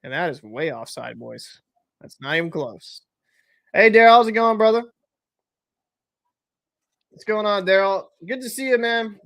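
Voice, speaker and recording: A man's voice: high-pitched, animated, a little slow, gravelly, long pauses, a bit bright. A young man hosting a live hockey watch-party stream, chatting casually, joking and answering viewers. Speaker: livestream host.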